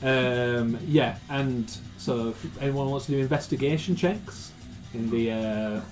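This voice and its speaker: A man's voice: medium pitch, unhurried, a little mellow, faint music behind. Meandering man running a tabletop game. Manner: meandering, searches for words often. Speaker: game master.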